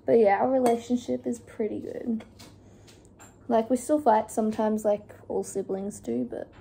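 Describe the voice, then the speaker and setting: Young woman, gravelly chatty vlog voice. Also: fairly high pitch, warm tone, slight background noise. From Australia. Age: young adult. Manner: chatty, talks while cooking with fillers. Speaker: vlogger. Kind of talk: casual cook-along chat. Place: home kitchen, indoors. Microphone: phone camera on the counter.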